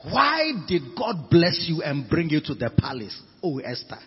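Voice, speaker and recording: A man's voice: on the high side, wildly swooping pitch, moderate pace, husky, exaggerated voice. A man voicing an indignant old uncle scolding his niece in a sermon. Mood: incredulous. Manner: incredulous, scolding. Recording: echoey church hall, dull lo-fi.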